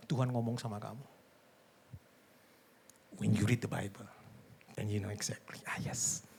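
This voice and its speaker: A preacher delivering a conversational sermon, swinging between loud emphasis and hushed near-whispers and asking the congregation questions. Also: mid-range voice, husky.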